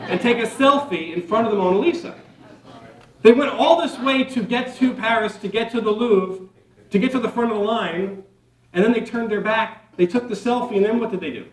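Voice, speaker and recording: A man giving a keynote workshop presentation, lively and playful, firing questions at the audience and dropping sarcastic asides. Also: extremely high pitch. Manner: energetic, asks the audience questions. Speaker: keynote speaker. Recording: roomy hall, mic from a distance.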